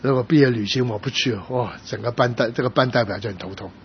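A middle-aged male pastor preaching a sermon, telling stories with sudden loud emphatic rises. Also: medium pitch, quick pace. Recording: slightly dull sound with faint noise.

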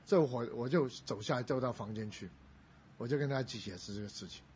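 A middle-aged pastor races through a family story in his sermon, his mid-range voice darkish in tone, raising it to quote people. Slight background noise sits under the dull lo-fi audio.

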